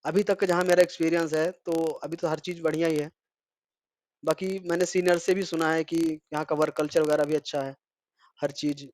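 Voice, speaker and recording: A man's voice: on the high side, little pitch movement, fairly quick, a little mellow, no echo. A young man from India casually recounting his day in a vlog, chatty and rambling with fillers. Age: young adult. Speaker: vlogger.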